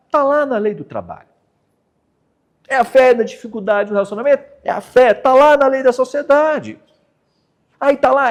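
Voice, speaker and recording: A Brazilian man with a notably high voice delivers a Spiritist lecture in a chatty preaching style. He leans on animated emphasis and tag questions to the audience, then goes softer and lower toward the end. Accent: Brazilian Portuguese. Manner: animated, sinks soft and low at the close. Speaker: speaker at a Spiritist center.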